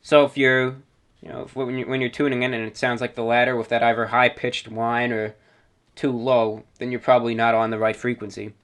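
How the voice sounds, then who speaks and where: Speaking a little fast with a somewhat bright, medium-pitched voice that barely rises or falls, this shortwave radio show host explains his hobby. His informal talk carries a slightly stiff, formal turn of phrase.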